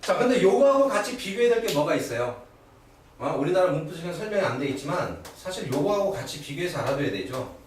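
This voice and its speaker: Lively male teacher in an echoey classroom. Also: on the high side, fast, far from the mic, slight background noise. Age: middle-aged. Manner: keeps checking in with rhetorical questions. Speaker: English teacher. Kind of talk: classroom grammar lecture. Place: classroom at a cram school. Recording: echoey room, voice from afar, old video.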